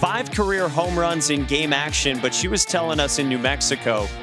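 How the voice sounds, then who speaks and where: Guy doing play-by-play for a kids home run derby, kinda high voice, loud music under it. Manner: upbeat, brisk announcing. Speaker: play-by-play announcer. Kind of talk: sports broadcast commentary. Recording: music bed behind the voice.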